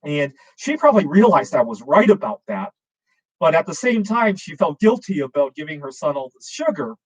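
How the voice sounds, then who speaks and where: A man's voice: on the high side, big pitch swings, normal speed, a little mellow, breathy edge, highs cut off. A man in his forties hosting a casual open-camera chat, rambling with many fillers and restarts. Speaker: show host.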